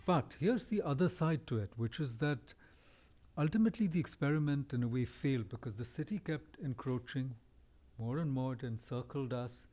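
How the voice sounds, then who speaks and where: Male podcast host, mellow timbre, reflective and discursive, gently challenging. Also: mid-range voice, lively intonation, moderate pace. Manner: discursive, thoughtful, pushes back gently. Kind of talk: reflective conversation.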